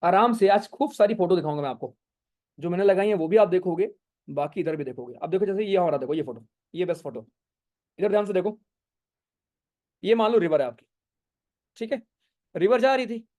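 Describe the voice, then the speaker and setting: A male geography teacher giving an online exam-prep lecture, explaining slowly with many English terms, often checking whether students follow and scolding them for going off topic. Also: sits high, a little mellow. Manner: mixes English terms into speech, keeps asking if it is clear. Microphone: no earphones, talking to an online class.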